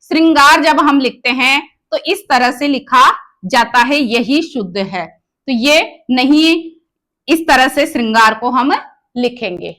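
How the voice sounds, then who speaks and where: Female Hindi grammar tutor with a Rajasthani accent, high voice, unhurried, works through exam options and quizzes the class herself. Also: fairly bright tone. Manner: asks the class questions and answers them herself; spells out words slowly, option by option. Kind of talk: exam-prep lesson.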